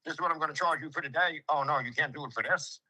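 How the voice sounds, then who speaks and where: A man's voice: a little high, racing, sharp tone, husky, poor audio. A brash man, a home improvement contractor lecturing in casual, streetwise talk with swearing and acted-out quotes. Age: 50s. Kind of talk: casual sales conversation.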